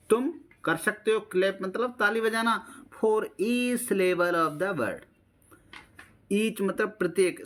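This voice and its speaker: Slow, patient Indian male teacher. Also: high voice, fairly bright tone. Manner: slow, patient, repeats each English phrase in Hindi, calls listeners "beta". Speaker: primary school English teacher. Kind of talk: bilingual classroom-style lesson explaining a textbook.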